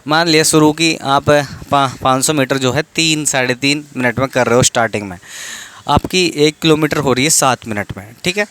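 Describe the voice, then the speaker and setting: A man's voice: mid-range voice, normal speed, fairly bright tone, clear, resonant tone. A young man talking casually, giving practical training advice and often checking in with the listener. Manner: informal, repeats "theek hai", restarts words. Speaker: exam coaching vlogger.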